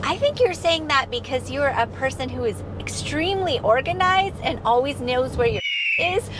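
A woman's voice: sits high, big pitch swings, normal speed. A woman riding along as a passenger in a car, chatting easily about the vehicle. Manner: easygoing and conversational. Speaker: host's spouse, passenger. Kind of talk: casual chat. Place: inside a moving car. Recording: car and road noise. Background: car and road noise.

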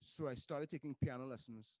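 Relaxed Trinidad-born man, dry sound. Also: medium pitch, a little fast, dry recording. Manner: relaxed, rambling with restarts. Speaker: interview guest, music producer. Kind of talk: casual interview chat. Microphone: video call.

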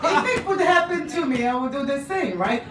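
A middle-aged woman with an Israeli accent, telling a personal story on stage with lively gestures. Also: sits high, fairly quick, crowd noise. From Poland. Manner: animated, gesturing, with audience laughter. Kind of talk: live storytelling. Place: small dark room, on stage. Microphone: handheld mic on stand, far camera. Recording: roomy, from far off, noisy.

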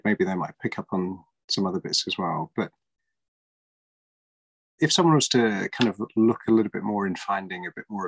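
Over a video call from a small room at home, a middle-aged man hosts a podcast as a casual interview chat, thinking aloud with frequent fillers and restarts. His voice is deep and husky. The recording is low quality, with no room sound.

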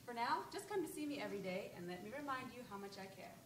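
A woman voicing a kind, fatherly male woodcarver who speaks gently and reassuringly at a school stage reading. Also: a little high, animated, fast talker, background noise, close to an everyday voice. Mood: gentle. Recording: echoey hall, mic far off.

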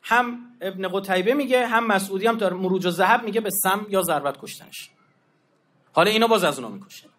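Male lecturer, high voice, animated and informal, acts out the dialogue in his stories. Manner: animated storyteller, acting out quoted exchanges; informal street slang and asides. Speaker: religious lecturer. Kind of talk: colloquial religious history lecture.

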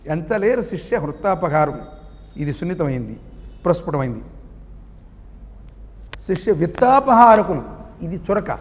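A man preaches a spiritual sermon, chanting verses slowly before explaining them. He often poses a question and answers it himself, in a fairly high voice. Long reverb trails behind his words. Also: slight background noise. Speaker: spiritual teacher.

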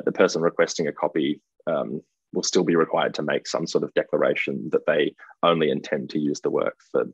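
A man's voice: a bass voice, gravelly, breathy edge, no echo. A middle-aged Australian man giving a conference keynote over a video call from an office, hesitant with many ums and restarts. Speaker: keynote speaker. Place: indoor office. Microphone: webcam video call. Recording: dull lo-fi call audio.

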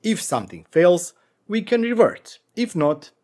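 A man's voice: sits high, big pitch swings, measured pace, darkish tone. A man in his forties hosting a screen-recorded tech tutorial from a home office, talking through steps with wry asides. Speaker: tech channel host.

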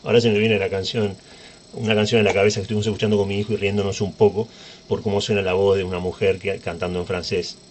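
A man's voice: lowish voice, level tone, fast, slight background noise. Chatty man explaining computers. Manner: informal, chatty, checks in with "¿tá?". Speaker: tech tutorial presenter. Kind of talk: screen-recorded computer tutorial.

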